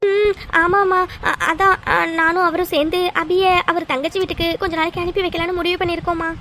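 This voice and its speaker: A woman's voice: very high-pitched, level tone, a little fast, bright, forceful tone, a little hiss or hum. A woman doing a worried mother. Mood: anxious. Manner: hesitant, stammering. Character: worried middle-aged village mother. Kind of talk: cartoon voice acting.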